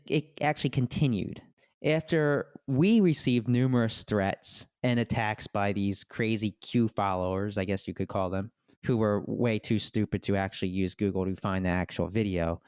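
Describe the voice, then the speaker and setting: Guy cohosting a podcast, lowish smooth voice, dry close mic, animated. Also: no room sound. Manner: animated, quick asides and restarts. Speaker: podcast co-host. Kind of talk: casual podcast talk.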